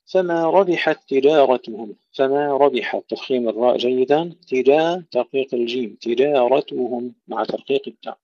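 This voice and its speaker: Guy reciting slow and melodic then explaining tajweed quick, mellow voice, dry lo-fi sound. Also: medium pitch, dry recording. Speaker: Quran recitation teacher. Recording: dull lo-fi dry recording.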